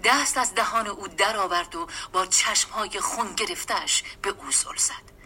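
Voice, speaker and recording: A woman giving a dramatic storybook reading, often dropping into a hushed, half-whispered voice. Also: medium pitch, slight background noise. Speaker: story reader.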